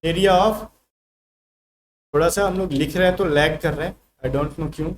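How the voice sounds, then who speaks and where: Male math tutor, slightly higher voice, casual step-by-step explainer, faint background hiss. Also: measured pace. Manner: casual Hindi-English mix, talks through working step by step. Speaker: math teacher. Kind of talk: online exam-prep math class.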